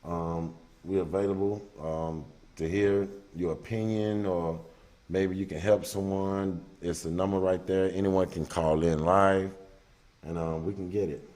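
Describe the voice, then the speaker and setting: A man hosting a casual call-in livestream show, talking loosely with many pauses. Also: low voice, steady tone, a little mellow. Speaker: livestream talk show host.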